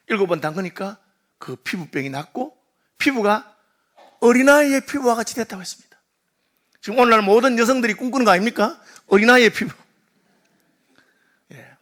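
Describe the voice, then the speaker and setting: A male pastor preaching a sermon in a conversational way, talking straight to the congregation and acting out the people in his stories with big swings in pitch and loudness. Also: fairly quick, pauses often. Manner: acts out quoted voices with lively swings in pitch and loudness; conversational, addresses the congregation directly.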